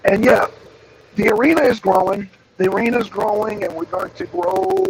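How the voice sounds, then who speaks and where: A man with a raspy, high voice hosts a wrestling show on a live stream, talking casually to chat. He rambles, repeats phrases and greets viewers by name. The recording is rough, with slight background noise.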